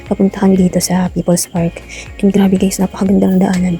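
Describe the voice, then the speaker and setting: A woman's voice: mid-range voice, completely flat delivery, a little fast, warm tone, faint music behind. A Filipino woman giving a chatty, playful voice-over narration for her vlog, addressing her viewers. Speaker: vlogger.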